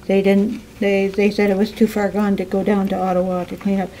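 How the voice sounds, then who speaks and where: A woman giving an informal museum tour as guide, calm and explanatory, pausing to find her words. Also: medium pitch. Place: inside a small museum. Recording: noisy on-location recording, varying distance from mic.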